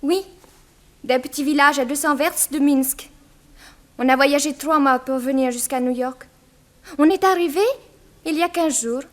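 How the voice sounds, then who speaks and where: In a 1960s French radio drama, an actress plays a bold, proud Russian immigrant girl of eighteen who is cheeky and self-assured. Her high voice runs a little slow with frequent pauses, and the mood is cheeky and chatty.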